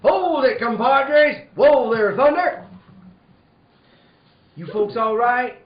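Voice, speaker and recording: Man playing high-voiced heroic cowboy Red Ryder. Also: lively intonation, takes it slowly, echoey room, dull audio, a little hiss or hum, exaggerated voice. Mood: urgent, commanding. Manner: hearty, commanding, folksy cowboy talk. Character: heroic, good-humoured cowboy leader of the Old West. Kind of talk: old-time radio western acting.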